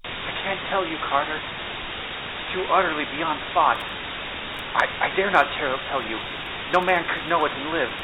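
A man voicing a terrified man who calls frantically up from an underground vault, pleading and shouting in alarm. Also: a little high, measured pace, pauses often, phone-quality sound, natural voice. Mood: horrified. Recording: hissy recording.

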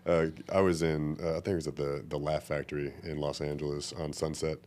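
Man, podcast guest, very deep voice, relaxed, agreeable. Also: a little fast. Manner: laid-back, frequent agreeing, laughs along. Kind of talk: casual chat.

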